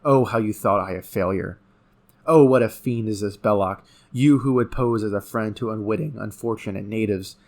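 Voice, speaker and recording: A man's voice: on the low side, normal speed, a little mellow, lightly acted. A man reciting as a gloating, contemptuous villain in an epic poem, pompous and oratorical in metrical dactylic verse. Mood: scornful gloating. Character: gloating, contemptuous male French villain, a treasure-hunting rival.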